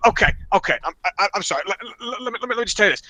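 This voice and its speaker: A man's voice: high-pitched, lively intonation, very fast, sharp tone, no room sound. A man voicing a rambling, stammering middle-aged caller with a who keeps repeating his words. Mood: frantic, rambling. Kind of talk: comic impression in a podcast story.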